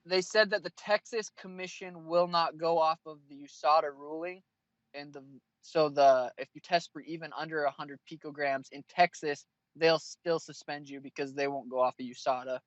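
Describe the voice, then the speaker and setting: A man's voice: on the high side, fairly even intonation, normal speed, dry recording, lo-fi sound. A man in his twenties, a fighter being interviewed, answering bluntly and with plenty of swearing. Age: 20s. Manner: blunt and profane.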